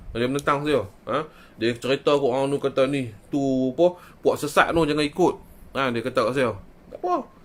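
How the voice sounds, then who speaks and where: A man's voice: a little high, a bit bright. A man with a northern Malaysian accent, a traditional Islamic healer talking to viewers on a live stream. He keeps asking rhetorical questions and addresses his listeners directly. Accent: northern Malaysian Malay (Kedah).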